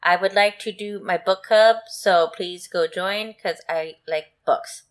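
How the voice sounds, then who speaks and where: A woman's voice: mid-range voice, fairly even intonation, unhurried. A woman co-hosting a casual podcast chat, sleepy and yawning, with playful teasing banter. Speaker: podcast co-host.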